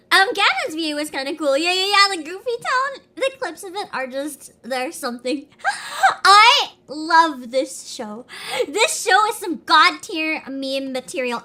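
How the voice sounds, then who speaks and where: Very high, bright, excitable woman streamer. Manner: excitable, giggly, exclaiming. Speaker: streamer, host. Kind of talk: casual reaction livestream chat.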